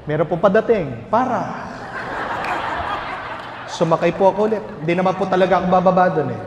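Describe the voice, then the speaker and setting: A man, a priest, giving a lively homily full of stories, jokes and rhetorical questions. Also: sits high, very fast, noisy background. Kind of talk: homily with storytelling. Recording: reverberant hall with faint music.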